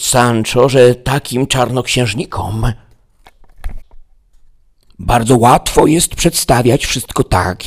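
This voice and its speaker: A man's voice: deep voice, breathy edge, pitched above the performer's own voice, full character voice. A man reading a storybook aloud, voicing a deluded, grandiloquent old knight who gives solemn, declamatory speeches.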